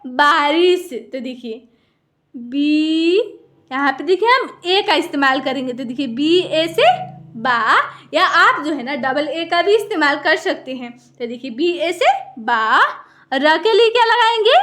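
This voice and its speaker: A woman with a high voice and a Hindi accent gives a beginners' lesson. She keeps asking what something is and then answers it herself. She repeats each key point so learners can follow. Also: fairly bright tone. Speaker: teacher. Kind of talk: explaining a lesson to viewers.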